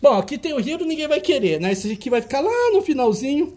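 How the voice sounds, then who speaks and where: A man's voice: very high voice, sing-song, fast, a little mellow. A man hosting a retro game auction, showing old cartridges in casual, teasing banter. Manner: chatty, teasing, jokey banter with a helper.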